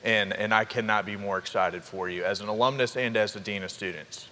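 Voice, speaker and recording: A young man, a college dean of students giving an upbeat orientation welcome to students and parents, with quick asides to the crowd. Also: on the low side, fairly even intonation, sharp tone. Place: large hall. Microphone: handheld microphone. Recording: reverberant hall with faint ambience.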